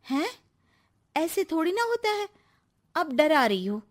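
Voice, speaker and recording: Brief: a woman playing a cheerful young daughter-in-law who brags, high voice. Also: big pitch swings, slow pace, full character voice. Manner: chatty, bragging.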